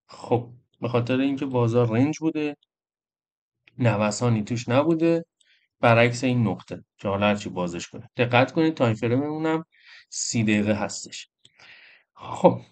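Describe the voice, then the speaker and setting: A man's voice: mid-range voice, a little mellow. Casual male trading tutorial host. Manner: casual, addresses viewers as friends. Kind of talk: screen-recorded trading tutorial.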